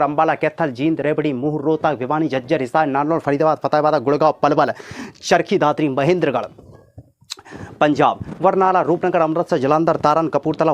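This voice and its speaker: A young man from India reciting a memorized list in a rapid, unbroken stream, as if all in one breath. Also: a little high. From India, Datia district. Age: young adult. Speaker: record-attempting reciter.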